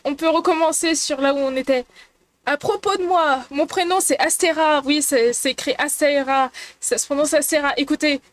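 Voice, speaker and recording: A woman streamer chatting casually and playfully with her viewers, giggling and teasing the chat. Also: high-pitched.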